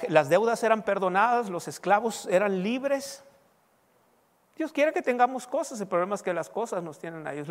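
High-voiced male pastor in an echoing hall. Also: gravelly. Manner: teaching with call-and-response questions to the congregation. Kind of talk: sermon. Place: church hall. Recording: long hall reverb.

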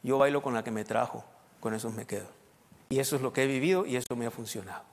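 A middle-aged man preaching a sermon as pastor, emphatic and rising to loud peaks as he counts off his points. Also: medium pitch, fairly even intonation, quick pace, vocal fry. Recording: long hall reverb.

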